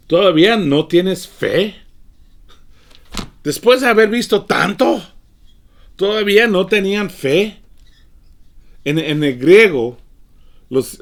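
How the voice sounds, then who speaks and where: A man preaching a sermon in a conversational, way. He repeats words often and moves from quiet asides to raised, emphatic lines. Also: fairly high pitch. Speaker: pastor. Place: church or studio, livestreamed.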